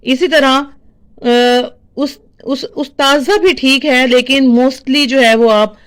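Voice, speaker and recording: Woman teacher, Pakistani Urdu accent, unhurried and hesitant delivery, slightly high pitch. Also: steady tone, clean tone. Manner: hesitant, with frequent fillers and restarts. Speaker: teacher sharing word corrections. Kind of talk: informal spoken lesson.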